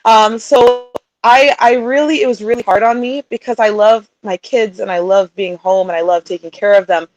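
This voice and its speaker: Laughing frequently, a Utah-born woman in her thirties with a childhood spent partly in Sweden and England tells warm, chatty stories about her life as an interview guest and coaching client. Her mid-range voice is fairly even at normal speed, and the poor-quality audio has no room sound.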